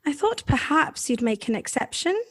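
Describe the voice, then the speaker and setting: Woman playing a high, lively young society lady. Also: normal speed, no room sound. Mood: poised, insistent. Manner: polite, formal, expressive. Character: poised, inquisitive young society woman, twenty-one. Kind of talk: recreated 1930s radio drama acting.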